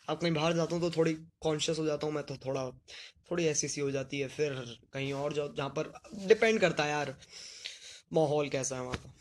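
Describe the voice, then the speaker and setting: A young man with a slight Punjabi accent hosts a live stream, answering viewer comments in loose, joking banter. His voice sits a little higher than most men's, and his talk is relaxed and playful. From Delhi region, India.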